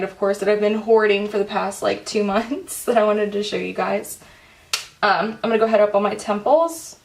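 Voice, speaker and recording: A woman's voice: medium pitch, gravelly, distant mic. Chatty young woman, drifting off-mic. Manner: chatty, filler-heavy, says "like" often. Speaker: beauty vlogger. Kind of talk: casual makeup tutorial chat.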